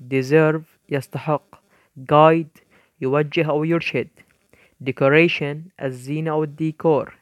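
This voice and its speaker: A man reading English vocabulary words one by one, each followed by its Arabic translation, in a slow, deliberate dictating manner. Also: fairly high pitch, no echo. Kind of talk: vocabulary list read aloud with Arabic translations.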